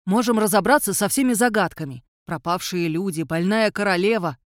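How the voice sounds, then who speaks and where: A woman reading an audiobook voices a young male companion who speaks in a lively, confident way. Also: high voice, a little fast, no echo, studio quality, natural voice. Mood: eager. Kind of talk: audiobook character voice.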